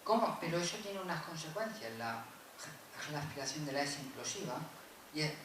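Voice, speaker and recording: Male lecturer at a conference, explanatory, lots of tag questions and self-corrections, heard from a distance in a very reverberant room with steady background noise. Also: a little high, fairly quick. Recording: very echoey room, from far off, with noise.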